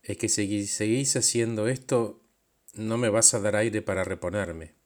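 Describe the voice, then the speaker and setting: A man's voice: lowish voice, fairly even intonation, a little slow, lightly acted. A man doing a worn-out, defensive superhero with a Rioplatense accent. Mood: pleading. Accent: Rioplatense Spanish. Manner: pleading, hesitant. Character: beaten-down, defensive male superhero, hunched and weary.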